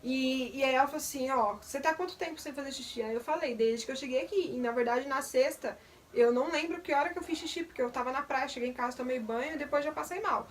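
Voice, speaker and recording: A woman's voice: sits high, fast talker, far from the mic, a little hiss or hum. A young woman, candidly recounting a personal testimony in detail. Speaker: vlogger. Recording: voice a bit off the mic.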